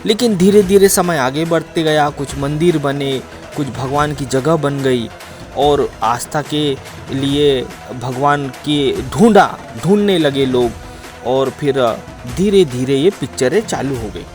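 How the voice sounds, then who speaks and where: A man's voice: medium pitch, slow pace, faint music behind. A man narrating a trek video in a dramatic storytelling manner, repeating points for emphasis. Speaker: travel vlogger narrating.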